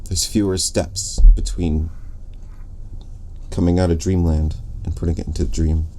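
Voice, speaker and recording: Male tarot reader, deep and slow, wandering delivery, noisy home recording. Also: little pitch movement, warm tone. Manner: musing, drifting, pauses mid-thought. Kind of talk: slow, reflective tarot reading.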